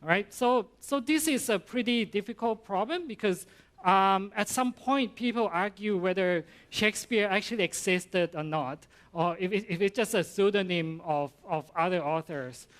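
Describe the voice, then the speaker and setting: A middle-aged Thai university professor gives an informal conference talk in English. His Thai-accented delivery is halting, packed with fillers and restarts, and his voice is high-pitched with a fairly bright tone.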